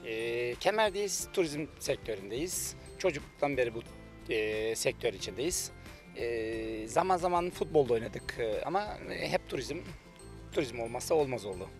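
Soft music plays faintly behind a middle-aged Turkish man interviewed on camera by a beach under trees, where he runs a cafe. Speaking into a handheld reporter mic in a mid-range voice with lively intonation, he hesitates with many long fillers but sounds sure of his claims.

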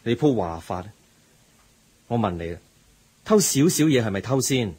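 In a radio drama, a man with a Hong Kong Cantonese accent plays a patient, kind middle-aged teacher who moralizes while earnestly lecturing a student. His medium-pitched voice is animated, darkish, and a little breathy, at normal speed.

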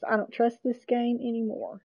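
A woman's voice: fairly high pitch, flat delivery, normal speed, no room sound, dull audio. A woman streaming a game, chatting casually and coaxing her game characters, with mild swearing. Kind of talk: casual gameplay commentary.

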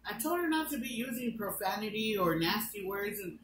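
A woman's voice: mid-range voice, lively intonation, a little fast, a bit bright. A middle-aged woman hosting a casual family chat at home, teasing playfully and tagging her lines with a joking "eh?" and "fool". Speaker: channel host. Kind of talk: casual family chat, mock tough-girl slang. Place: home, indoors. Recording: echoey room, far from mic, faint hiss.

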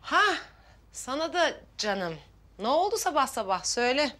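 A woman's voice: high-pitched, very animated, moderate pace, fairly bright tone, soft background music. A chatty, teasing woman. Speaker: Nurcan, the sister-in-law. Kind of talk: TV comedy drama acting.

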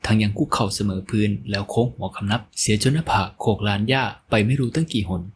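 Low-voiced male audio-novel narrator. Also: lively intonation, fast talker, a little hiss or hum. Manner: dramatic storytelling. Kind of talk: scripted narration.

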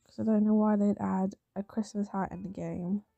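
Sleepy, slightly raspy woman, just woken up. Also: mid-range voice, flat delivery, moderate pace, mellow, no room sound, muffled recording. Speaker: gamer narrating gameplay. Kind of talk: casual gameplay commentary.

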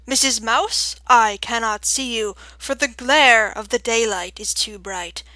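Storybook owl, played by a woman: grave, imposing, formal, round-toned, very deliberate and forceful. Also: no echo. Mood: measured, formal. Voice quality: deep, round, sonorous. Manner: slow, formal, weighty delivery. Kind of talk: audiobook character voice.

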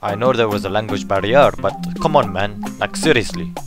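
A man giving a wry, deadpan aside in a mockumentary vlog. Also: lowish voice, a little fast, over loud music. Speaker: vlogger.

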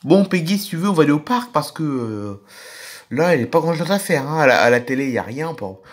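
A man's voice: a little high, lively intonation, fast. A man voicing a chatty family dad in a toy film, rambling and repeating himself as he grumbles. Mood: grumbling. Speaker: narrator and main figure of a toy film. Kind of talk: toy figure film role-play.

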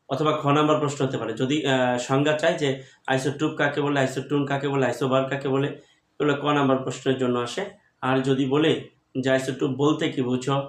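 A man with a Bangladeshi Bengali accent teaching a school chemistry lesson at a board, slowly repeating definitions to drill them. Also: mid-range voice. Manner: slow, repetitive, drilling definitions. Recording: echoey room.

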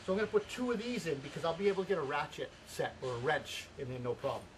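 Racing through his explanation, a man in his forties who hosts a home improvement series walks through a carpentry task in a plain, informal, step-by-step way, his voice a little higher than typical for men. He's filmed outside in a house yard, and ambient noise is clearly audible in the camera audio.

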